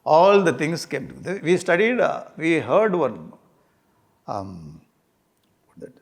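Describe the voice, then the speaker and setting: A man with a South Indian accent giving an informal scripture lecture, speaking in an animated, humorous way and repeating key phrases. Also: on the high side, slow pace. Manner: animated, repeats phrases, light chuckling humour.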